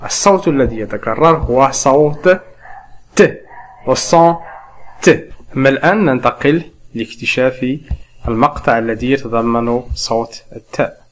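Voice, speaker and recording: A man's voice: medium pitch, moderate pace, a little hiss or hum. A man teaching French reading to Arabic speakers, patiently repeating each word and answering his own questions. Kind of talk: slow step-by-step reading lesson.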